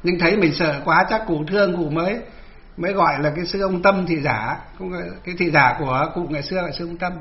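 A Buddhist monk from Hoa Binh in northern Vietnam recounts his ordination earnestly, like a storyteller. His voice is a little high and brisk, and the recording sounds muffled.

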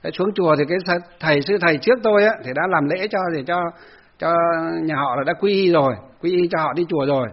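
Husky-voiced monk. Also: male voice, fairly high pitch, fast, lo-fi sound. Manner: storytelling, conversational, acts out quotes. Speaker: Buddhist monk. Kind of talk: dharma talk to lay Buddhists.

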